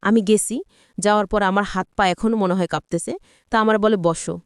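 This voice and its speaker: Woman narrating a story in first person, earnest, mid pitch, bit hesitant. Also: steady tone, fairly quick, clear, resonant tone, no room sound, clean studio sound.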